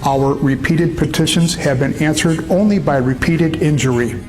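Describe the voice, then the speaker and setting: A man's voice: on the high side, normal speed, a little mellow, soft background music. A man delivering a formal recitation of a historical document as a horror host.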